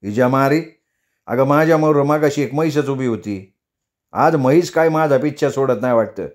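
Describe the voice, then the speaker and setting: A male storyteller playing a hot-tempered village taxi driver, blustering and quick to snap. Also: medium pitch, close to an everyday voice. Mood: chatty.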